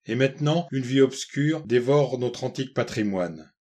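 Picture an earnest man, wrapped up in his people's future, pleading with feeling in a storybook reading, as a male narrator voices him. The voice sits at an ordinary male pitch, plain and unhurried. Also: expressive, a little mellow, natural voice. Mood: longing. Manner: impassioned, pleading.

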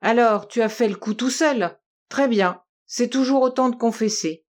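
Détective costaud et sûr de lui, lu par une femme à la voix assez aiguë, ton assuré et un brin moqueur. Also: female voice, on the high side, normal speed, natural voice. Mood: assured. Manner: assured, mildly mocking. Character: confident burly middle-aged male police detective. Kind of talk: audiobook reading.

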